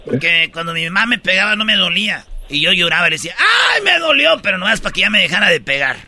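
A man's voice: high voice, racing, bright, forceful tone, raised voice. A man with a Mexican accent, teasing and joking while asking questions in a comedy game show. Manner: teasing, rowdy. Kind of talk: joking banter.

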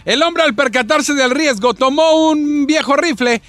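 A man's voice: extremely high pitch, measured pace, a bit bright, no echo. A man reading news items on a comedy panel, teasing and scolding his co-hosts. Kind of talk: playful news reading and banter.

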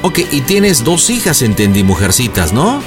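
A man's voice: mid-range voice, wildly swooping pitch, normal speed. A man with a Mexican accent hosting a prank radio show, bantering casually and playfully in slang. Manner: playful, teasing. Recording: music bed under voice.

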